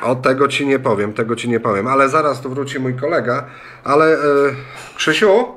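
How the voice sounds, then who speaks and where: A ham radio student operator, a man with a medium-pitched voice, talks a little fast on an amateur radio contact from a radio club room. He's friendly but hesitant as he spells out call signs, and the phone recording picks up background noise in the room.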